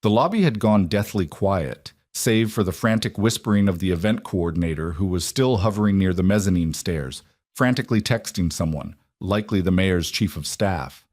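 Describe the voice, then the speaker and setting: A man narrating a first-person romance story in a steady, even reading. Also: low-pitched, normal speed, dry recording, clean studio sound.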